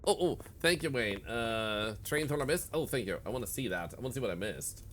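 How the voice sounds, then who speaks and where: A man doing live gameplay commentary as a streamer, excitable, laughing often and yelping at sudden scares. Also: mid-range voice, fairly quick, slight background noise. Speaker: streamer playing a horror game.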